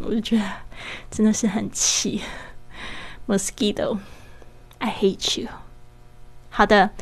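Woman teaching English by podcast. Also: mid-range voice. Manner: explains step by step, slows down to model English pronunciation.

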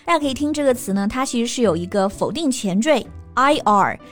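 A woman's voice: a little high, lively intonation, a little fast. A woman co-hosting an English lesson podcast in a bilingual, scripted teaching chat, explaining each word and spelling it out letter by letter. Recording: soft music behind.

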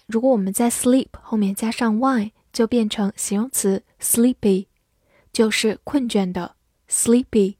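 A woman giving a scripted vocabulary lesson, spelling each word letter by letter and reading example sentences slowly. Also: medium pitch, a little mellow, no echo, studio quality. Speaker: English vocabulary teacher.

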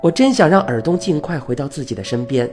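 A man narrating an audiobook novel in a lively storytelling manner. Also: on the high side, quick pace. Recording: faint background music.

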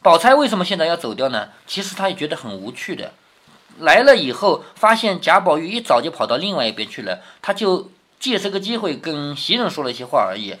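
A man's voice: on the high side, big pitch swings, fairly quick, fairly bright tone. A man retelling a classic novel for children in a casual way, stopping often to explain and to ask the listener 'right?'. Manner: explains as he goes, tag questions to the listener.

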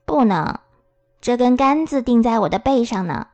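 A woman doing a friendly straw scarecrow from a children's storybook, speaking in a very hoarse voice that sits a little quieter than the telling around it. The tone stays gentle and kindly, with a slightly slow, simple way of talking. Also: a little high, animated, dull audio. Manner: soft and friendly. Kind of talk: storybook reading.

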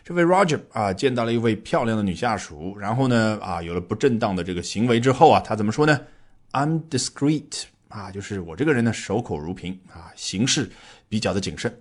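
A man teaching English vocabulary in a relaxed, chatty podcast lesson. His fairly low voice swings widely in pitch as he explains, often pausing on drawn-out fillers and asking his listeners rhetorical questions.

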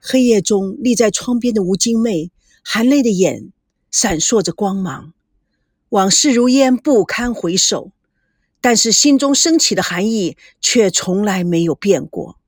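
A woman's voice: medium pitch, animated, measured pace, husky, no echo, clean studio sound. A woman narrating a scripted story with dramatic, emotive delivery.

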